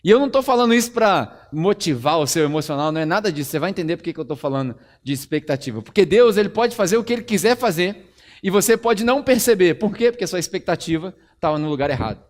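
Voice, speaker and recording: A man's voice: sits high, animated, fast. A male pastor with a Brazilian accent, preaching a conversational sermon in a church and telling stories with animation. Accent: Brazilian Portuguese.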